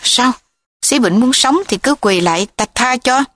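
Lady doing a crazed young lordling, high yelly voice, threats everywhere, storybook read. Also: lively intonation, a little slow, no room sound. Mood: cold, commanding. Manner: shouting threats. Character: violent, raving young male lordling.

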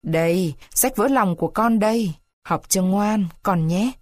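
A woman voicing a kindly poor old father in a storybook reading, with a lowered gruff voice and a soft, mumbling manner. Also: a little slow, no room sound, studio quality, natural voice. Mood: gentle fatherly. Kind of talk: storybook read-aloud.

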